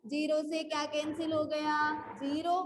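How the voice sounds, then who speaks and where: Brief: very high-pitched woman teacher, unhurried delivery, echoey, noisy online-class audio. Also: level tone. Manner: slow and repetitive, asks and answers her own questions; calls students by name and praises them.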